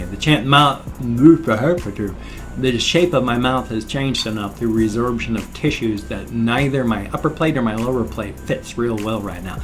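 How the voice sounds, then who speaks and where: An older man rambling casually to viewers, apologetic and mildly grumbling, his speech hissing and slightly slurred from loose dentures. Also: mid-range voice. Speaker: vlogger.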